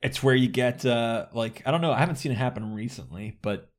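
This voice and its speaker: A man's voice: medium pitch, a little fast. A man with a mid-range voice chats as a podcast guest. He rambles through stories with lots of energy and laughs often, in a loose, casual back-and-forth. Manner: animated, rambling storyteller who laughs often. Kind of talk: casual gaming podcast chat.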